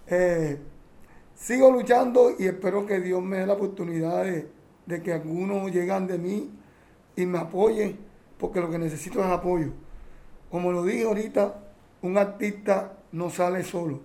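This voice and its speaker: A man's voice: high voice, normal speed, dark tone. A man, a champeta singer answering interview questions in an earnest, heartfelt way and often correcting himself.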